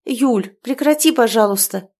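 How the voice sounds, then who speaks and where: A woman's voice: fairly high pitch, measured pace, a little mellow, pitched above the performer's own voice. A woman voicing a young woman who pleads tearfully with her friends in an audiobook. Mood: pleading.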